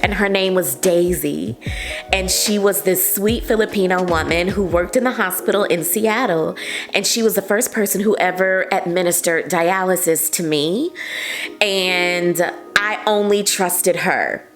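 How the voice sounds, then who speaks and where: A woman's voice: on the low side, unhurried, faint music behind. A woman vlogger talking casually to camera, earnest and encouraging as she gives advice. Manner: earnest and encouraging, often says "like" and "you know". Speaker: vlogger sharing patient advice. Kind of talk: casual heartfelt talk to camera.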